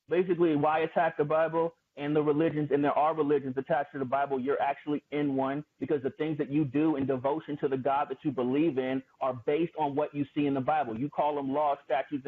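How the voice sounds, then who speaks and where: A man argues his side in an online debate, sarcastic and pointed. His voice sits a bit high. The audio is thin and tinny like a phone line. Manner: argumentative, sarcastic. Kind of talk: heated debate.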